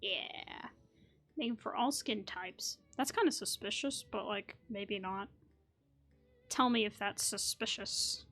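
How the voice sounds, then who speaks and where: A woman's voice: medium pitch, slow, sharp tone, soft background music. A woman casually commenting while playing a video game, playful and giggly with joking asides, game audio behind her. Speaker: gaming streamer. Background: game soundtrack.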